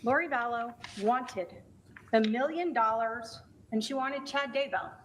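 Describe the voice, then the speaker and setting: Woman, prosecutor, slightly high pitch, emphatic courtroom closing argument, deliberate rhetorical phrasing, faint background noise. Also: fairly bright tone. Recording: noisy courtroom recording.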